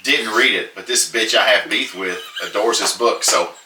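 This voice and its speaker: A man's voice: lowish voice, normal speed, sharp tone. A man hosting, reading reviews aloud with casual chat and often breaking into laughter as he reads. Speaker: host reading book reviews. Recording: echoey room, distant mic, noise.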